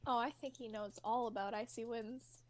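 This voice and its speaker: A woman's voice: fairly high pitch, steady tone, moderate pace, darkish tone, dry recording, lightly acted. A woman reading a sly, mischievous teenage girl. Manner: sly, airy delivery. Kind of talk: amateur fan fiction reading.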